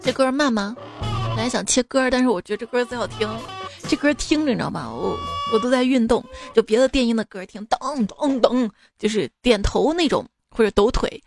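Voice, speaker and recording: Female host, high-pitched. Chatty, playful comment reading over prominent music. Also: lively intonation, fairly quick, gravelly. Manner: informal, playful asides to listeners. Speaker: host of a comic listener-stories show. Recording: music playing behind the voice.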